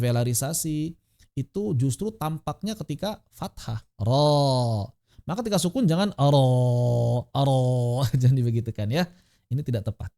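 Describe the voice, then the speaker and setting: Indonesian man teaching tajwid online. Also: a little high. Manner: demonstrates pronunciation with slow chanted recitation; explains in a relaxed conversational tone with frequent "begitu" and "ya". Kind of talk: online Quran recitation lesson.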